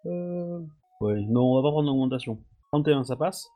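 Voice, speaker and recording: Male player, middle pitch, talkative, halting with fillers. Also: mellow, faint music behind. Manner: chatty, hesitant, many fillers. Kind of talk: casual tabletop game chat.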